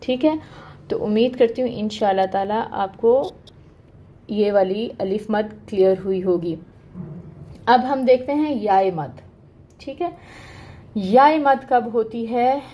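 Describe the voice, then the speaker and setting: A woman's voice: a little high, slow, pauses often, warm tone, slight background noise. A woman teaching Quran recitation in an online lesson. She explains patiently, step by step, checks in with "okay" and draws out the sounds she demonstrates.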